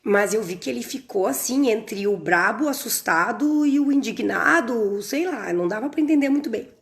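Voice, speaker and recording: Middle-aged woman from south brazil teaching live online, acts out her story, bit of fry in a higher voice. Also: moderate pace. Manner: animated, acts out dialogue with strong emphasis. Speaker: course instructor on a livestream.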